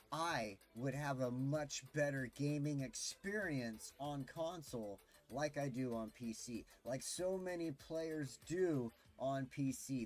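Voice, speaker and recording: A man's voice: mid-range voice, darkish tone. A man streaming a city-building game, delivering an impassioned, pleading rant with swearing. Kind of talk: ranting gameplay commentary.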